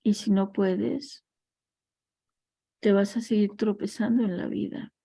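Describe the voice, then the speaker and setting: A woman with a gravelly, mellow, mid-range voice and a breathy edge teaches family constellations in a recorded lecture. Her intonation stays fairly even as she speaks slowly and reflectively, weaving in parables and personal stories, with no echo.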